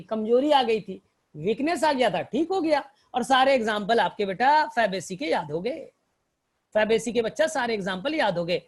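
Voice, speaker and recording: A male teacher tells a story to help students remember plant examples, fondly calling them "child" and checking often that they follow. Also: very high voice. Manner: fond, addresses students as child; repetitive, checks understanding. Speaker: biology teacher. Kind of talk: mnemonic storytelling lesson.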